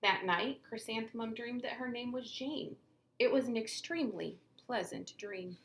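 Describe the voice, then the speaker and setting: Gravelly woman reading a storybook aloud. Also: a little high, normal speed, reverberant, a little hiss or hum. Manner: expressive, storytelling read-aloud. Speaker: teacher. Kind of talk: reading a picture book aloud. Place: classroom.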